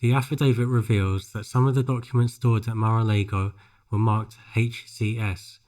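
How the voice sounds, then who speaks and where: Low-pitched man reading for a pronunciation drill. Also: fairly even intonation, normal speed, a little mellow. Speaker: English shadowing practice narrator. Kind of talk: scripted narration read aloud for pronunciation drill.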